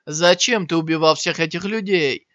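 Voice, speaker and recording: A man's voice: a little high, normal speed, dry recording, close to an everyday voice. Shi Yan, a man doing a cold ruthless young hero. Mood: icy. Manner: cold, flat, contemptuous. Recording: slightly dull, dry lo-fi sound.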